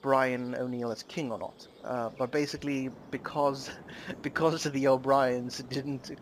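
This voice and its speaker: Halting man narrating a strategy game. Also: medium pitch, steady tone, slight background noise. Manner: halting, many ums and uhs. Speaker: let's play host. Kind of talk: casual gameplay commentary.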